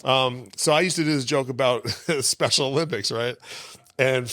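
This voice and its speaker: A man's voice: medium pitch, moderate pace, no echo, clean studio sound. A man who is a stand-up comedian, telling stories in a casual podcast interview and acting out the people he quotes. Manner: animated storyteller, acts out quoted voices.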